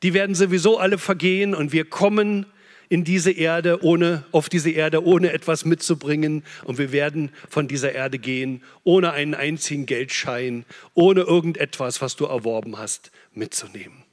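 A man preaching a sermon, impassioned, swinging between loud urgent peaks and hushed low phrases. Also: steady tone, normal speed. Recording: long hall reverb.

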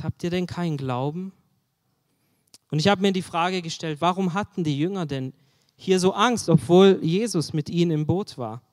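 A man's voice: a little high, big-room sound. A man preaching a sermon in an earnest way, putting direct questions to his listeners.

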